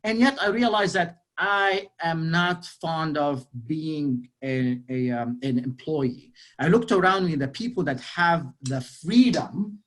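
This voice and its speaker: Forties male, lifted pitch; lively presenter on a video call who keeps asking the room questions. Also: slow pace, hardly any pauses. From Lebanon. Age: 40s. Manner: energetic, quizzes the audience, frequent "you know". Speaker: real estate sales speaker. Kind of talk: interactive motivational talk.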